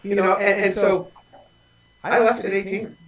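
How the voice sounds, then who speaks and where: A man's voice: high voice, little pitch movement, unhurried, a bit bright, echoey room. A man in his forties speaking bluntly and earnestly in casual conversation. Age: 40s. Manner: earnest, blunt confessional talk. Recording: voice from a distance off mic.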